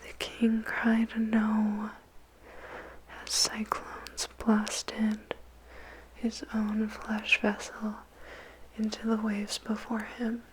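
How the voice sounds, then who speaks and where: Woman, whispered ASMR poem recitation, extremely slow, flat unvarying pitch, deliberate phrasing, dramatic pauses. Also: a little hiss or hum, poor audio.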